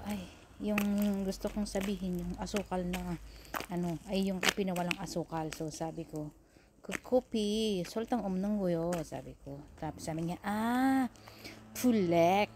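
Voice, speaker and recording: A woman's voice: lowish voice, steady tone, moderate pace, dark tone, slight background noise. A woman telling a casual vlog story. She laughs at herself and repeats words to show how they are pronounced. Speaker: vlogger. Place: living in Korea.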